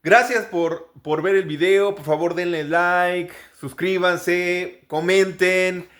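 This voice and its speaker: A man's voice: high voice, steady tone, slow, a bit bright. A man teaching English pronunciation in a casual lesson, hesitating often and repeating each practice word over and over. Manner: drills each word by repeating it many times; hesitant, with restarts and fillers.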